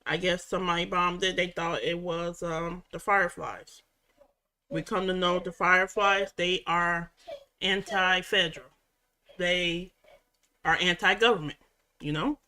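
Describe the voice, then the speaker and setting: A woman's voice: on the low side, fairly even intonation, measured pace, bright, forceful tone. A woman chatting casually at home as a reaction vlogger, rambling with restarts as she recaps a show. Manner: rambling, frequent restarts and fillers.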